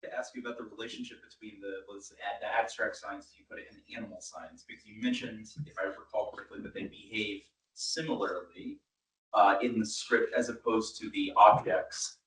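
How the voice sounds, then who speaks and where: A man's voice: fairly low pitch, brisk, fairly bright tone. A man in the audience asking a thoughtful, hedging question at a conference. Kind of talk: question from the floor. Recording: echoey room, far from the mic.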